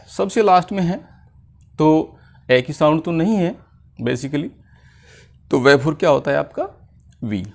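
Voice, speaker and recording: Slow, lively Indian man teaching spelling. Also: medium pitch. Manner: slow, repetitive question-and-answer teaching. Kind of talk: spelling lesson for children.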